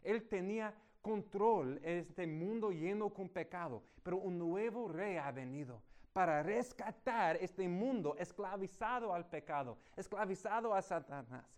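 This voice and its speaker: A man's voice: unhurried, few pauses. A man preaching a sermon, teaching through a Bible passage verse by verse and raising his voice for emphasis. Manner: animated, rises in pitch and volume for emphasis.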